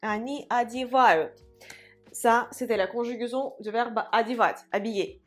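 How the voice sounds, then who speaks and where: A woman's voice: fairly high pitch, fairly even intonation, unhurried, faint music behind. A woman with a Russian accent teaching a language lesson, explaining rules and saying each form twice for learners to repeat.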